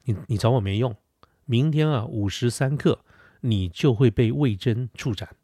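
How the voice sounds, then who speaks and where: A man's voice: medium pitch, dark tone, husky, no echo, clean studio sound, lightly acted. A man doing a cold, knowing old fortune-teller. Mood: coldly warning. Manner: cold, measured warning. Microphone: close studio microphone.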